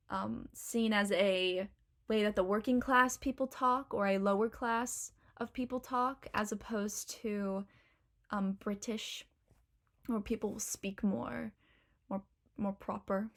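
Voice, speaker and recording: Teaching accents in a casual video, a young woman speaks in a mid-range, slightly bright voice. She takes pronunciation one step at a time with examples, peppering her explanation with frequent ums.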